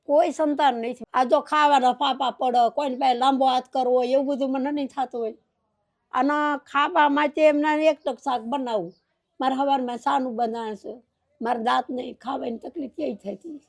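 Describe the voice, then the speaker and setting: An older woman gives a tearful personal account in an interview, speaking with a rural Saurashtra Gujarati accent and grieving as she keeps asking "what can I do?", not knowing what to do. Her voice is high and steady with vocal fry, at normal speed.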